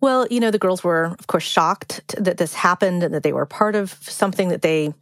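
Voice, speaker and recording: A woman's voice: fairly low pitch, brisk, no echo. A woman giving conversational interview answers as a reporter.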